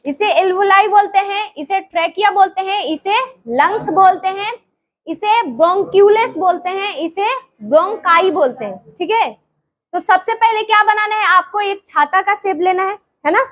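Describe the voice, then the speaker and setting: Very high-pitched woman teaching. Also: normal speed, a bit bright. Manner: repeats terms and quizzes the class. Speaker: drawing teacher. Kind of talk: classroom drawing lesson.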